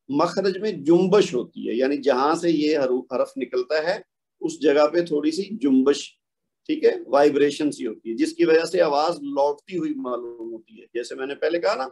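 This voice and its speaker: A man with a slightly high voice teaches a recitation lesson. He explains each rule patiently, asks a question and answers it himself, and sounds out examples slowly. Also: a little mellow. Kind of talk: tajweed lesson, explaining and modeling pronunciation.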